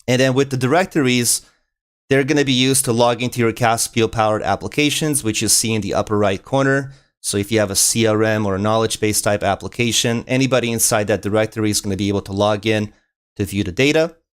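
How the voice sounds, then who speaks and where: A man's voice: lowish voice, fast talker, clear, resonant tone. A man hosting a live webinar, talking through slides in an upbeat, informal way as he addresses his viewers. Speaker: livestream host and product presenter.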